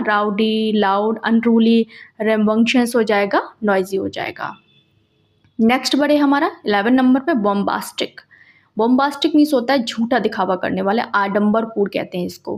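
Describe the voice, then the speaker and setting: A woman's voice: a little high, a little mellow. A woman with a Hindi accent teaching vocabulary for exams, explaining memory tricks step by step and repeating key points. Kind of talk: vocabulary lesson for exam prep.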